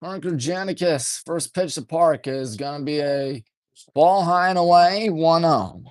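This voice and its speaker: A man doing play-by-play radio commentary for a high school baseball game from a press box, folksy and partisan, keeping his voice deliberately restrained. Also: no echo, studio quality. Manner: folksy, chatty, partisan toward home team; deliberately restrained, hushed delivery.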